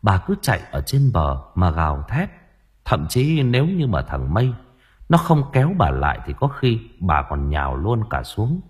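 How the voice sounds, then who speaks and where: Brief: male audiobook narrator, low and husky, animated storytelling. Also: normal speed. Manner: expressive, dramatic storytelling.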